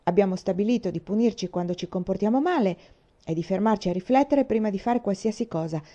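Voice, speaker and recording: Woman doing a bossy boy laying down rules, firm and lecturing, mellow voice, slightly dull audio. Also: medium pitch, expressive, fast talker, lightly acted. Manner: authoritative, lecturing. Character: bossy young boy, eager club leader.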